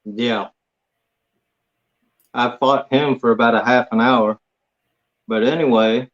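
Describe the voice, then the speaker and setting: Laid-back man from Hawaii, lo-fi sound. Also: mid-range voice. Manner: laid-back, plain-spoken, short answers. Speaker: guest. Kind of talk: casual interview chat. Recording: dull lo-fi audio.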